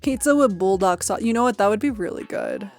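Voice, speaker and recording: A woman's voice: medium pitch, expressive, fairly quick, soft background music. A young woman streamer chatting casually with her viewers, giggly and rambling, often repeating herself.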